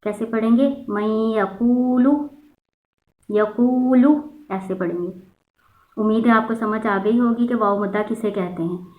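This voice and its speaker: A woman's voice: mid-range voice, steady tone. Female recitation teacher, patient and methodical, tinny roomy recording. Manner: patient, slows down to sound out examples. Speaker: Quran reading teacher. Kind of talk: step-by-step recitation lesson. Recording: echoey, phone-like lo-fi sound.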